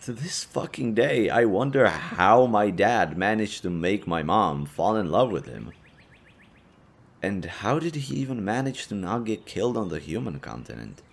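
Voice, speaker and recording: Playing an easygoing half-demon adventurer in his youth, a man performs a full character voice for an intimate audio roleplay. His lowish voice is animated but a little slow, with vocal fry. He chats casually and teasingly with a best friend, in a relaxed mood.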